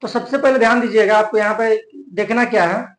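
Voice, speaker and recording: A man's voice: high voice, quick pace, reverberant, rough recording. A young man teaching an online grammar lesson, explaining step by step and repeating points often.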